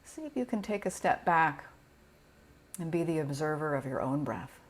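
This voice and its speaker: A woman instructs a yoga nidra relaxation in a low-sitting voice with lively intonation. The guidance is tender, calming, and unhurried, with frequent pauses.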